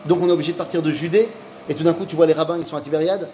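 A man's voice: fairly high pitch, fairly even intonation, very fast, mellow, a little hiss or hum. A man teaching an informal Talmud class, asking questions and then answering them himself in a casual, slangy way.

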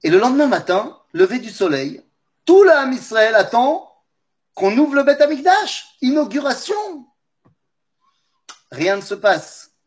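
A man teaching a religious class, telling a story in an animated way and speaking straight to his listeners. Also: very high voice, a little slow, long pauses. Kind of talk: lively storytelling lesson.

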